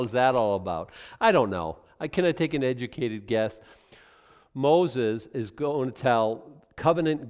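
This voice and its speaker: A male pastor with a lowish voice teaches a Bible passage conversationally, musing aloud about his own guesses and chuckling along the way. The sound has a big-room quality.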